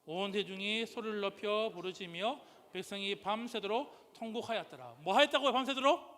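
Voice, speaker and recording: A man preaching a sermon as pastor, questioning the congregation call-and-response style and rising to loud, impassioned outbursts. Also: high-pitched, brisk. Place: church sanctuary. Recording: church hall reverb.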